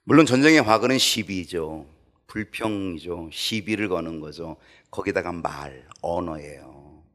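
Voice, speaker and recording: A man preaching a sermon as pastor in a church, animated and acting out quoted voices. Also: low voice, measured pace.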